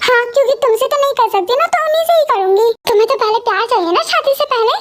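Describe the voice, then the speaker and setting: A woman voicing an angry, sharp-tongued young bride in an amateur romantic audio drama. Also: very high-pitched, expressive, rapid-fire, a little hiss or hum. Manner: scolding, sharp retorts, later coaxing.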